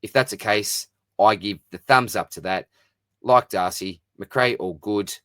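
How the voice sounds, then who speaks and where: A man's voice: fairly low pitch, measured pace, a bit bright, smooth, no room sound, studio quality. A man hosting a casual solo fantasy sport Q&A, talking in a chatty, matey, informal way with plenty of slang. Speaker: host of a fantasy sport Q&A show. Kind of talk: casual solo mailbag commentary, reading out questions and answering.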